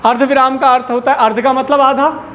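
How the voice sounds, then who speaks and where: A man's voice: very high voice, little pitch movement, a little fast, lo-fi sound, background noise. A man teaching a Hindi lesson to a school class, patiently asking questions and repeating the key words. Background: children in the classroom.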